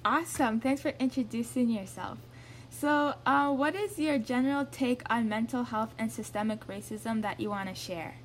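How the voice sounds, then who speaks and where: A woman's voice: a little high, normal speed, slight background noise. Polite woman hosting a podcast. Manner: polite, encouraging, many soft affirmations. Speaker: podcast host. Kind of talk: interview hosting.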